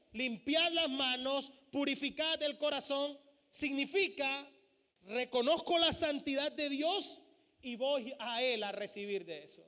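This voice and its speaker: A man's voice: very high-pitched, a bit bright. A man preaching a sermon as pastor, posing questions to his congregation. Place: church sanctuary. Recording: church hall with long reverb.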